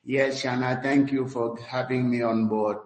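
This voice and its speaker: A man's voice: medium pitch, steady tone, a little slow, darkish tone. A man from Cameroon with a Cameroonian English accent, speaking earnestly as a guest in a panel discussion. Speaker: technical advisor, guest. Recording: roomy echo.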